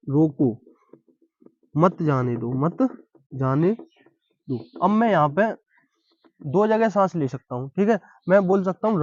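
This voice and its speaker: A man's voice: sits high, a little mellow, no echo, lo-fi sound. A man teaching a lesson on verse, who explains step by step and keeps asking if the class has understood. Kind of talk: classroom-style Hindi poetry lesson.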